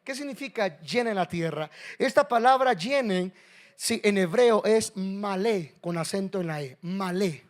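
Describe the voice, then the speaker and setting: A male pastor delivering a sermon in a fairly high voice. He swings from loud calls to the congregation to soft, confiding asides, with an animated preaching delivery. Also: moderate pace.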